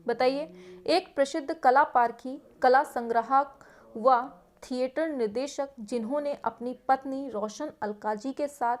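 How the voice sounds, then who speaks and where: A young woman teacher running an exam quiz lesson, reading each question and its options in a steady rhythm. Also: high-pitched, a little slow.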